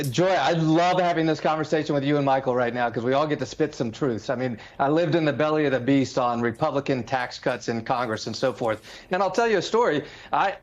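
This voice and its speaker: Emphatic man with a slightly high voice. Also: dull audio. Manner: emphatic, explanatory, lists figures. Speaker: political commentator, former congressman. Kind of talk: panel discussion.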